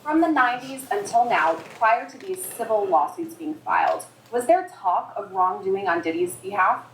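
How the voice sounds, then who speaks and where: A woman news reporter with a polished, measured delivery in a broadcast report. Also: mid-range voice, expressive, slight background noise. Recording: echoey news clip with faint background.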